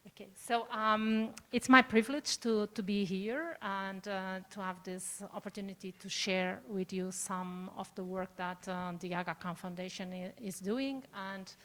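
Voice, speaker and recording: A woman's voice: mid-range voice, fairly even intonation, a little slow, hardly any pauses, fairly bright tone. Middle aged woman on a video call, earnest, keeps repeating words, plain mid voice. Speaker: input speaker, education director. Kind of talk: online panel introduction.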